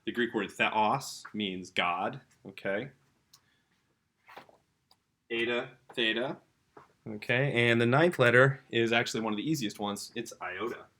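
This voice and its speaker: Writing on a board during a casual video lesson, a middle-aged man corrects himself as he goes. He's relaxed and chatty, speaking in a medium-pitched voice at an unhurried pace with long pauses.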